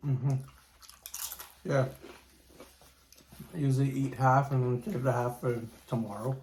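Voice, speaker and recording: A woman's voice: rumbling low, fairly even intonation, a little slow, darkish tone. A woman chatting casually as she eats, chewing while talking through an eat-with-me video. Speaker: eating-show host. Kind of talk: casual mukbang chat while eating. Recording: roomy echo, faint background noise.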